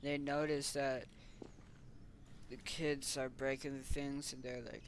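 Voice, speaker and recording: A man's voice: mid-range voice, little pitch movement, takes it slowly, slight background noise. A man telling a story in a casual, rambling way, full of slang and fillers.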